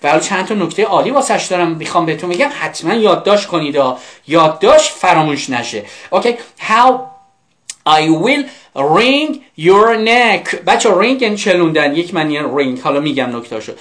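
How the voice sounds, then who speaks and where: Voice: medium pitch, animated, a bit bright. Persian-speaking English teacher drilling phrases. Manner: drills English phrases slowly, repeating each one; quick asides to students between drills. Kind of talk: live English vocabulary class.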